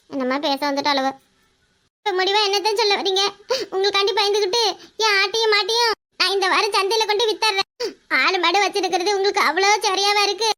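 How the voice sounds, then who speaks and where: A shrill, bickering village wife from a cartoon comedy, voiced by a woman, speaking in a southern Tamil village dialect. Her voice sits very high and bright, and she rattles off complaints at a fast clip, scolding and fussing without pause. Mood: indignant. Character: loud squabbling village women, fussy and complaining. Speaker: voice of quarrelling village women.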